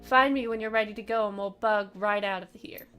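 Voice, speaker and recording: A woman reading the lines of a flamboyant, teasing male elf in a game, with a lively, playful delivery. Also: mid-range voice, fairly quick, dull audio, lightly acted. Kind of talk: reading game dialogue aloud.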